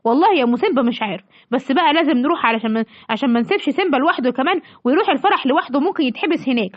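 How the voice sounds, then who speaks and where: A woman plays an easygoing Egyptian father lion who calms everyone down in a quick, high voice. The sound is dull and lo-fi. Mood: reassuring. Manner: fast, soothing, repetitive. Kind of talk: home-made children's story acting. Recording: dull lo-fi recording.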